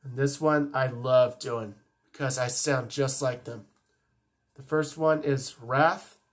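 A man's voice: medium pitch, steady tone, slow. A man chatting casually and enthusiastically as he introduces his voice impressions. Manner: enthusiastic fan talk. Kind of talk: casual chat between impressions.

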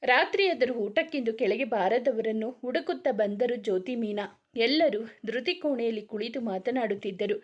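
Woman reading a romance serial, higher voice. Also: moderate pace, lo-fi sound. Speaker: storyteller.

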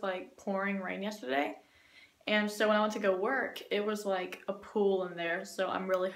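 A woman's voice: medium pitch, roomy sound. A young woman vlogging casually on a handheld phone, chatty and full of fillers like "um" and "like". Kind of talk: casual vlog chat. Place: outdoors and in a barn, later in a car.

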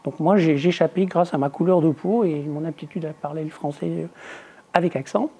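A middle-aged woman, an academic researcher, answering interview questions in a thoughtful, measured way, her voice trailing off quietly at the ends of phrases. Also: deep voice, slight background noise. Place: indoors, filmed for a museum exhibition.

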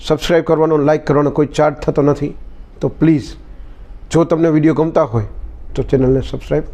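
A man's voice: fairly high pitch, steady tone, quick pace, mellow. A man hosting his own channel, telling a motivational story in a casual, conversational way and often repeating "he said" as he retells the dialogue.

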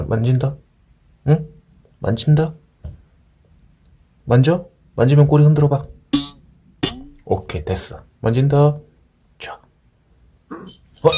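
A man talking to his pet cat at home in a casual, teasing and playful voice. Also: mid-range voice. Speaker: cat owner. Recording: audible background noise.

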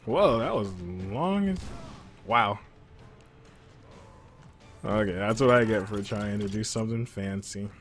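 A young man giving relaxed, joking commentary while playing a fighting game. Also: on the low side, a little slow, pauses often. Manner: laid-back, joking. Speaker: gameplay commentator. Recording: game music faintly behind.

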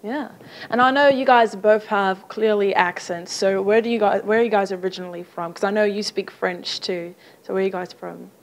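A woman's voice: mid-range voice, fairly even intonation, normal speed. A young adult woman hosting a talk show, asking questions in a bubbly way and saying "like" a lot. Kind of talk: casual interview questions. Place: studio set.

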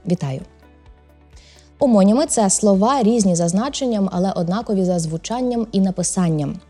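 A woman with a mellow, mid-pitched voice presents a language lesson, reading her scripted explanations in a clear, measured way. Faint music plays softly behind her. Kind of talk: scripted educational narration.

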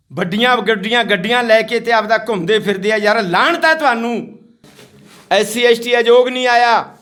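A man from Haryana speaks out as an activist in a very high, bright, sharp voice. He scolds and repeats himself in an indignant outdoor speech to villagers. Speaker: social activist.

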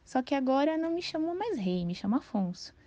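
A woman voicing a cheerful, friendly young male rooster in a storybook reading, her voice raised high and eager. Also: sing-song, brisk, warm tone, no echo. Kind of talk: audiobook character voice. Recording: dull, dry lo-fi recording.

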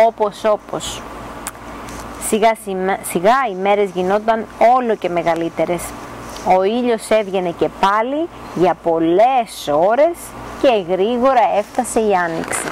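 Recorded outdoors in a garden, a young woman reads a children's fairy tale aloud with expression, her medium-pitched voice a little mellow. The quality is low, with clear outdoor background noise.

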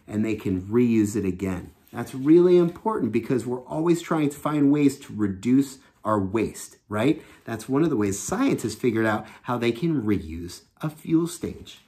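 A man in his thirties, voice on the high side with a darkish tone, reads a children's book aloud from a small room at home. Acting as storytime teacher and host, he explains it to kids in a simple, expressive way.

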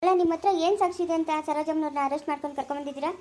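A woman's voice: high-pitched, fairly even intonation, very fast, darkish tone, close to an everyday voice. A woman playing a bold young woman lawyer who presses hard with questions and reassures her client. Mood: challenging. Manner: challenging, insistent questioning.

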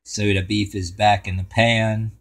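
A man's voice: lowish voice, flat delivery, a little slow, a bit bright. A man hosting a home cooking show in his kitchen, rambling and swearing casually to himself as he works.

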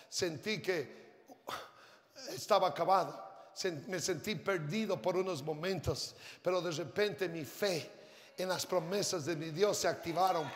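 An older man preaching a sermon as pastor, moving from quiet storytelling to shouted, fervent preaching. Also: sits high. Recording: reverberant hall with faint crowd and noise.

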